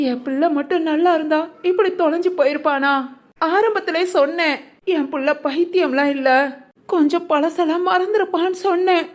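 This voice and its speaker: A woman's voice: very high voice, moderate pace. A woman playing a mother who mourns her lost son, speaking in a sorrowful, pleading way. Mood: grieving.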